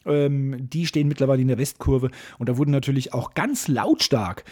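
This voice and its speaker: A middle-aged man talks casually into his solo podcast. His voice is husky and hoarse, with a rough rasp like a smoker's, and it falters on higher notes. He is chatty and pokes fun at himself, at a medium pitch. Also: brisk, darkish tone. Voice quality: raspy, rough gravelly voice. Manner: chatty, self-mocking. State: hoarse, strained voice breaking on high notes. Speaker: podcast host.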